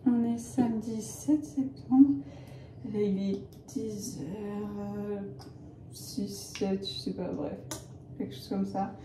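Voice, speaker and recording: A young woman from the Paris area, a student vlogging her week in a casual, rambling way, pausing often with fillers. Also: medium pitch, steady tone, dark tone, echoey room, slight background noise, low-quality recording. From Paris area, France. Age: young adult. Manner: chatty, rambling, hesitant with frequent fillers. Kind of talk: casual vlog narration.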